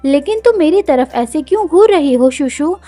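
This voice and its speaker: A woman's voice: high-pitched, animated, normal speed, dark tone, dry recording. A woman voicing a clingy, doting young nobleman in a manhwa recap, pleading and affectionate.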